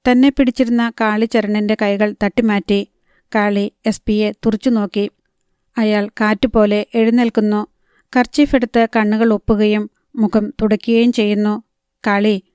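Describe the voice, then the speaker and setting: Audiobook narrator: woman with a smooth, warm voice for a crime thriller, level and measured, dry studio sound. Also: mid-range voice, no echo.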